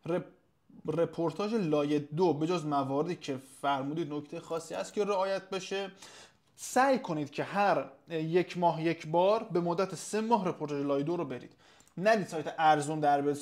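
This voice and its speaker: A man's voice: on the high side, darkish tone. A man hosting a live webinar as an SEO consultant, reading out viewers' questions, thanking them by name and answering off the cuff with frequent hesitations.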